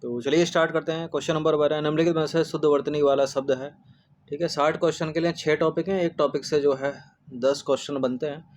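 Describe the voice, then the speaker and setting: A man works through exam questions one by one, a tutor who keeps repeating each spelling and checking in with listeners as he goes. His voice sits a little higher than most men's. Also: fairly even intonation, fast. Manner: repetitive, drills spellings with "ठीक है" fillers. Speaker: exam-prep teacher. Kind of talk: explaining test answers.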